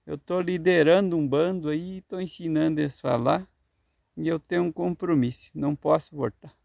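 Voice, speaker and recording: An older man voicing a wise talking male parrot who leads a flock, shrill and chattering in a storyteller's tale. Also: fairly even intonation, moderate pace, vocal fry, a little mellow, no echo, muffled recording. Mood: firm.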